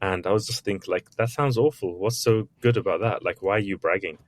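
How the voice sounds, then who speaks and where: A man from Iraq who was raised in England, an author and entrepreneur, answers interview questions candidly and chattily. His low voice moves a little fast, with frequent restarts and little acted quotes.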